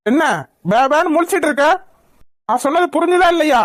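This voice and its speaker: A woman's voice: high voice, brisk, dry recording, clean studio sound, close to an everyday voice. A woman voicing a stern scolding cartoon husband. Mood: irritated. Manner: scolding, lecturing. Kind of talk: cartoon voice acting.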